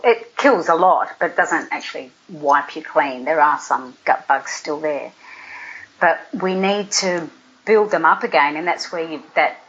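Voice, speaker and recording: A middle-aged woman with a husky, slightly low voice talks through nutrition advice in a casual, practical way. She leans on everyday examples from her own kitchen. The recording sounds dull and lo-fi. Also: fairly bright tone. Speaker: nutrition guest expert. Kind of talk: casual explanatory chat. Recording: dull lo-fi audio.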